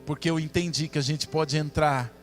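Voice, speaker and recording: Impassioned pastor preaching. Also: male voice, fairly high pitch, steady tone, moderate pace, faint music behind. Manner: impassioned preaching, acting out his own prayers. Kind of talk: sermon.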